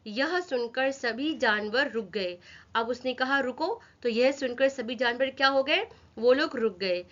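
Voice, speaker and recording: A woman teacher tells a children's story, repeating each step and asking her class questions along the way. Her voice is bright and a little high. The recording sounds dull and lo-fi. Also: a little slow.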